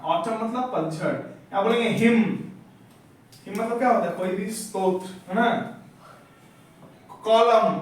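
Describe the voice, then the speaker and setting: Man, teacher, high voice, drilling a class with questions, heavy room echo, distant mic. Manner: asks questions and has the class repeat answers. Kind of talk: classroom lecture drilling vocabulary. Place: echoey classroom. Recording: echoey room, far from the mic.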